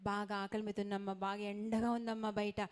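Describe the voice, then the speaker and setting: A woman's voice: mid-range voice, flat delivery, quick pace, clear, resonant tone, natural voice. A woman playing a hungry beggar woman in an amateur mono acting skit, pleading and scolding.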